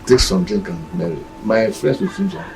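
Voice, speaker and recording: A pleased low-voiced uncle. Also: male voice, very animated, gravelly, a little mellow, faint music behind. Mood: approving. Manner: slow, approving. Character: pleased older uncle, blessing and generous. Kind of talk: Nollywood film acting.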